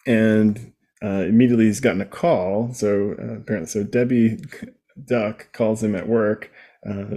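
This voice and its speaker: Mellow, low-voiced man recapping casually. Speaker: podcast co-host. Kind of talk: casual comic book recap.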